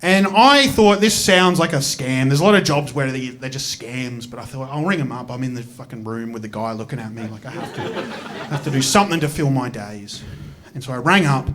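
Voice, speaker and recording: On a comedy stage before a live audience, a stand-up comedian in his thirties with an Australian accent tells a rambling, self-deprecating story and swears freely. His mid-range voice is expressive, brisk and a bit bright.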